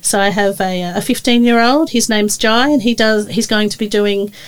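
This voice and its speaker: A woman in her thirties, hosting a podcast. Her voice sits at a mid pitch and she talks in a relaxed, chatty way with plenty of fillers. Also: normal speed, smooth, low-quality recording. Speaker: podcast host. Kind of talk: casual podcast chat.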